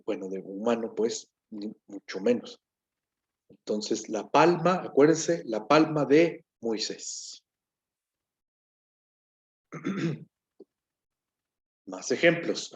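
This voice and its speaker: A man's voice: medium pitch, takes it slowly, a little mellow, muffled recording. A man teaching a grammar lesson, explaining step by step and often checking in with his listeners. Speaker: Hebrew teacher.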